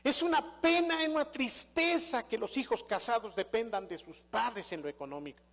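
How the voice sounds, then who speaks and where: Older mexican pastor guy preaching, chatty storytelling, highish voice, long church reverb. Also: normal speed, vocal fry, a bit bright. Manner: conversational storytelling, rhetorical questions to the congregation. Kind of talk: sermon. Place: church sanctuary.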